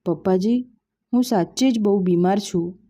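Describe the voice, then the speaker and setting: A woman voicing a meek, feverish young wife who speaks softly and tearfully, in a storybook reading. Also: mid-range voice, moderate pace, lightly acted. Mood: pleading. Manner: soft, tearful.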